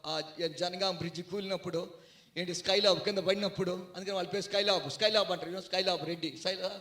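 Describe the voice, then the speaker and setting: Brief: high, bright male preacher, animated storyteller, echoey church hall. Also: fast. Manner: storytelling, animated, swings from hushed to loud. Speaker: guest preacher. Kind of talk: sermon.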